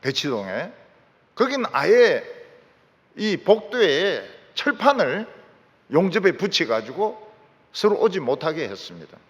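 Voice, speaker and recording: A middle-aged male pastor delivers a sermon from the pulpit. His fairly high voice swings widely up and down, and he drives his points home by repeating them. His words carry a long reverb from a large sanctuary. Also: measured pace, long pauses. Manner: emphatic, repeating key phrases, lively rising and falling delivery.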